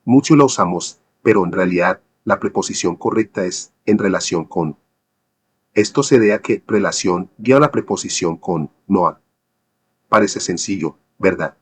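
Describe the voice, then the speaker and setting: Male lecturer, low husky voice, measured scripted explaining, asks rhetorical questions. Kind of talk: scripted educational narration.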